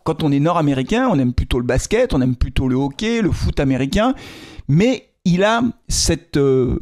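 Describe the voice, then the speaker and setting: Man, chatty video commentator, joking asides, lively rising-falling pitch, fairly high voice, dry close sound. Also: no echo. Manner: chatty and joking, addresses viewers directly; frequent fillers and restarts. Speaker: football club video commentator. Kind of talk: casual explanatory video commentary.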